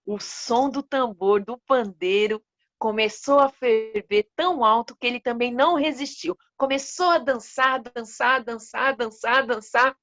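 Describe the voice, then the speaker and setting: A woman with a Brazilian Portuguese accent telling a children's story, animated and expressive, with gasps. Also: a little high, measured pace, no room sound.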